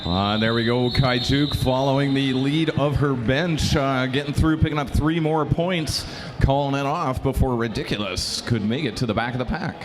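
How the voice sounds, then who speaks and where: Male sports commentator, rapid filler-laden play-by-play, mid-pitched voice, loud background noise. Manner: fast, filler-heavy, self-described caffeinated. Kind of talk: roller derby play-by-play.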